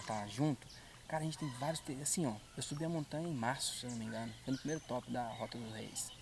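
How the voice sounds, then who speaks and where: A man's voice: mid-range voice, background noise. A man speaking as a podcast guest, earnest and repeating his points for emphasis. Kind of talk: casual chat.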